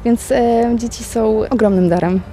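Warm-voiced reflective woman teacher. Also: on the high side, fairly even intonation. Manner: reflective, speaks thoughtfully with pauses and "e" fillers. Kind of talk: interview answers.

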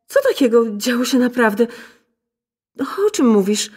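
A woman's voice: a little high, big pitch swings, measured pace, darkish tone, slightly rough, heavily acted. An actress playing a shocked middle-aged mother in a radio drama, pleading and tearful. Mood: stunned. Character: shocked mother and wife, desperate and protective.

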